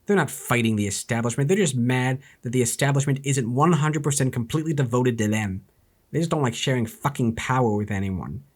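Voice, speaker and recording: A YouTube history commentator from New Jersey reads an old political speech aloud, breaking off into sarcastic, profane commentary. His voice sits at a medium pitch, and he talks a little fast.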